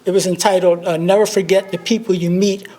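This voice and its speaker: An older man speaks at a memorial in a notably high voice for a man. He tells his stories with dry, self-deprecating humor, in the manner of a tribute speech. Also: flat delivery, fairly quick, mellow. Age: 60s. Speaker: alumnus speaker at a memorial service.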